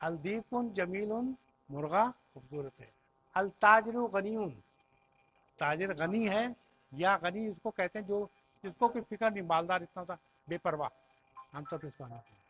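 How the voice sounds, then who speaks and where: High-voiced patient male Arabic teacher. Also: normal speed, husky. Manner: patient, repeats each phrase and explains word by word. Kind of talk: classroom language lesson. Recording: dull lo-fi recording.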